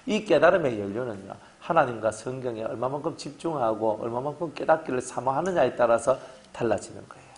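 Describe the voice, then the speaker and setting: Lively, joking Korean pastor. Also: male voice, medium pitch, fairly quick, few pauses. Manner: lively and joking, asks the congregation "그죠?" again and again. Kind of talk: sermon.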